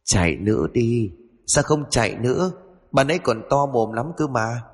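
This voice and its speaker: A man's voice: mid-range voice, animated, moderate pace, slightly rough, long reverb tail. A man voicing a female ghost in a spooky audio story, calling out with lilting, mock-sweet menace. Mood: eerie. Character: female ghost, eerie and teasing.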